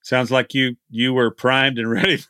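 A man's voice: medium pitch, flat delivery, normal speed, bright, forceful tone, smooth, no room sound, studio quality. A man with a Texan accent hosting a podcast interview, talking in a casual, rambling way with frequent restarts. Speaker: podcast host.

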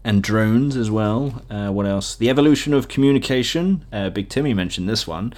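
Speaking at a moderate pace, the man has a fairly low, expressive and slightly mellow voice. He runs a solo podcast in a chatty, jokey manner, laughing often at his own comments and acting out quotes he imagines.

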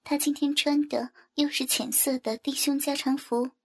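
High-voiced woman narrating a story. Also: steady tone, normal speed. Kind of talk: scripted narration.

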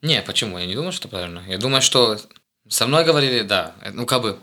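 The host's eldest son, a young adult from Israel and a native Hebrew speaker, joins as a guest for a relaxed conversation. Low and bright in voice, he is animated but halting, groping for words with frequent restarts.

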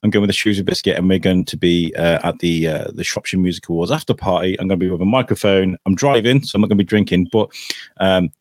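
Male podcast host, thirties, British accent, low voice, loose rambling chat, dry recording. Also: quick pace, a little mellow, dry recording. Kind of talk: casual chat.

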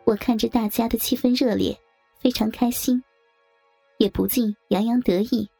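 Woman narrator, first-person story reading, gravelly, husky, faint music behind. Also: on the high side, fairly even intonation, moderate pace, warm tone, no echo.

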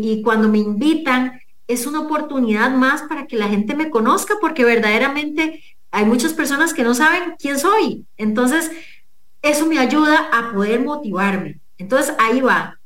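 A woman's voice: a little high, a bit bright, reverberant. A middle-aged woman, a coach and businesswoman, earnestly talking a listener through numbered questions as an interview guest. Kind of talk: motivational talk in an interview.

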